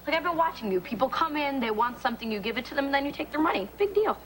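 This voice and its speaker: A woman's voice: high-pitched, lively intonation, racing, a bit bright. Smug rival teen girl. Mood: dismissive. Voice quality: smug, cocky. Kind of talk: 1990s sitcom acting. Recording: noisy TV sitcom recording.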